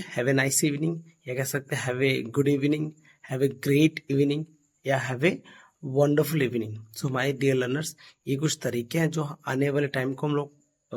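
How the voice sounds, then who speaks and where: A man teaching a beginners' English lesson from slides, asking and answering his own questions and slowly modelling English phrases. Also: medium pitch, a little mellow, breathy edge. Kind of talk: slide-based spoken lesson.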